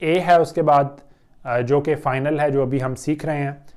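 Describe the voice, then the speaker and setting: A man with an Urdu accent gives an online Chinese pronunciation lesson, and his voice sits a touch high for a man. He explains patiently, with slow stretches and thoughtful pauses. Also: fairly even intonation, a little mellow. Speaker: Chinese language teacher.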